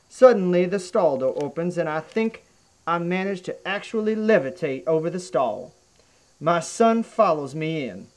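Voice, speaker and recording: A man with a Southern US accent reads a humorous story aloud in a theatrical, earnest storytelling manner. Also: high-pitched. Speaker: reader of humorous reviews. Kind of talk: comic dramatic story reading.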